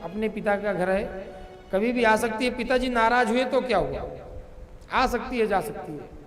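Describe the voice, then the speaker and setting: A man's voice: high-pitched, normal speed, natural voice. A man voicing the mocking, sarcastic elder sisters of a goddess while telling a religious story. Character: Sati's taunting elder sisters, women. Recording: long hall reverb with music.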